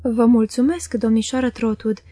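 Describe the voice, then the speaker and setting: A woman voicing a falsely humble, fawning young male clerk in a storybook reading, speaking softly and low. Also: steady tone, dry recording, studio quality, natural voice.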